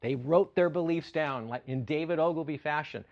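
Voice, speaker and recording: A man's voice: a little high, moderate pace, gravelly, darkish tone. Dull-sounding man, polished corporate enthusiasm. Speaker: CEO keynote speaker. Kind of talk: corporate keynote presentation.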